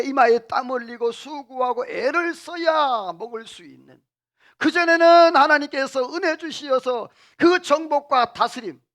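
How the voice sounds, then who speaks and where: A man's voice: very high-pitched, a bit bright. A middle-aged male pastor preaching a sermon in a church, asking the congregation questions and having them repeat phrases after him. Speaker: senior pastor. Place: church sanctuary.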